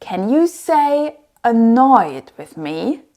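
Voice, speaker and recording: Woman talking like she's reading to a toddler, highish voice, super slow n sing-song, repeats words. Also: very animated, over music. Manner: exaggerated, encouraging questions. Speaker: presenter of a toddler learning show.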